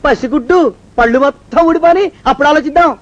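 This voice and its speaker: Panicky flustered comic dude wailing, really high voice, muffled old movie sound. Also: male voice, quick pace. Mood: nervous, sarcastic. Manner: nervous, wailing, joking sarcastically in panic. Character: flustered, panicky comic man pestered by a strange woman. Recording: dull lo-fi film soundtrack.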